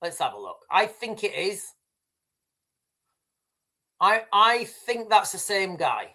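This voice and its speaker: Hosting a livestream, a man runs through casual commentary on video clips, calling his audience "guys" and rambling with lots of restarts and "right." He speaks slowly in a high, very animated voice with a sharp edge.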